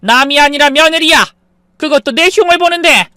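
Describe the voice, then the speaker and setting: A man voicing an indignant older mother-in-law in a story, protesting in sharp outbursts. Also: sits high, big pitch swings, a little fast, smooth, no room sound, clean studio sound, voice pushed up, exaggerated voice. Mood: outraged.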